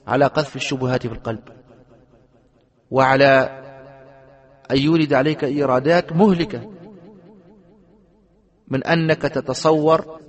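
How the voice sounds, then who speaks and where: A man, a sheikh, teaching a classroom lesson on Islamic creed. He reads a passage aloud, explains it, and keeps asking his students rhetorical questions. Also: medium pitch. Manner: asks the students rhetorical questions and checks they understand.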